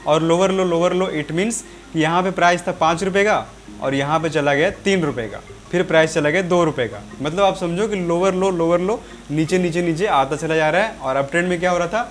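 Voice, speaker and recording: A man's voice: on the high side, brisk. A man with a sore throat teaching market trends over a chart, often checking in with "okay" and addressing his viewers as friends. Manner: repetitive, keeps saying "okay" and "friends". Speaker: trading teacher. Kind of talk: explaining a chart on screen.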